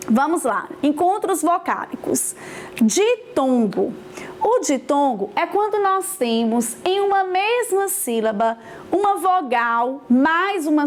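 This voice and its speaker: A woman teaching grammar, explaining step by step, repeating key points and checking in with the class. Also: high-pitched. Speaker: Portuguese teacher. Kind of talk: online grammar lesson.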